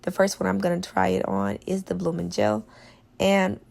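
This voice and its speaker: A woman hoarse from a cold, with a smoker's rasp, giving a casual tutorial voice-over as a nail tech. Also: mid-range voice, flat delivery, normal speed, a little mellow. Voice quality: smoker's rasp, gravelly, voice cracking. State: hoarse from a cold and sore throat. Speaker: nail tech doing a product test tutorial.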